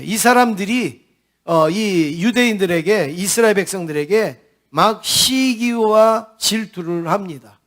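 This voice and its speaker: A man preaching a sermon as a pastor, asking the congregation questions as he goes. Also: high-pitched. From South Korea.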